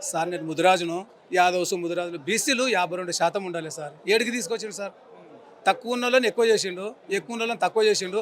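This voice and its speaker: Angry telangana guy in his 40s, high voice, rattling off complaints super fast. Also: a bit bright. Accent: Telangana Telugu. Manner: angry, emphatic ranting with repeated insults. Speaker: member of the public interviewed. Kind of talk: street interview.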